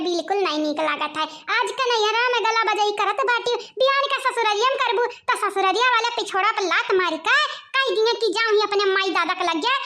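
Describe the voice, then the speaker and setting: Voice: extremely high pitch, sharp tone, exaggerated voice. Actor voicing a stern scolding Awadhi mother. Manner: scolding, lecturing. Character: stern village mother scolding her daughters. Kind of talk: cartoon voice acting. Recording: heavy background noise.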